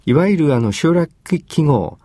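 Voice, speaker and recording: A man hosting an English lesson, explaining phrases in Japanese in a measured way with many fillers. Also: a little high, animated, warm tone, no room sound. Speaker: English teacher and host.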